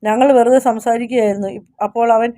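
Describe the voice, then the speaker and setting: A woman voicing a tender-hearted, tearful male disciple in a read-aloud devotional story, asking gentle, caring questions. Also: fairly high pitch, fairly even intonation, fast talker, no echo, studio quality, close to an everyday voice.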